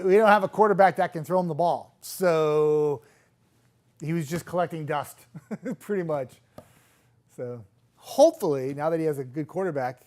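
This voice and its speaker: A man's voice: a little high, a little mellow. A young man who works as a TV meteorologist, chatting casually on a live stream, self-deprecating and laughing often. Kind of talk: casual live stream chat reading viewer comments.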